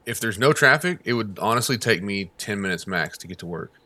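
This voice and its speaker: A man co-hosting a podcast, chatting casually and telling stories with emphatic, animated rants. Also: on the low side, a little fast, no room sound. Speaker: podcast co-host. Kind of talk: casual chat.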